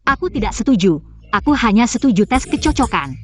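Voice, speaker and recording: An actress voicing a young heroine in a dubbed short drama, by turns pleading and defiant. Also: female voice, a little high, big pitch swings, fairly quick, faint music behind. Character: defiant young heroine, desperate to protect her grandma.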